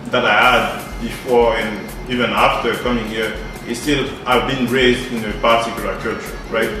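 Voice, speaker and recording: A man in his twenties from Côte d'Ivoire, speaking in a thoughtful, hesitant way with many fillers in a casual chat. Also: mid-range voice. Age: 20s. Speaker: interviewee. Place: living room, indoors. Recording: very echoey room, mic set far off.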